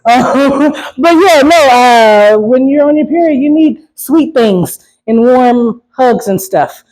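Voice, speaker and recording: On a poor-quality recording, a woman with a high, animated, slightly mellow voice does a stand-up comedy set at a slow pace. Her delivery is loose and full of swearing, and she keeps asking the crowd to agree with her, often tossing out "right?"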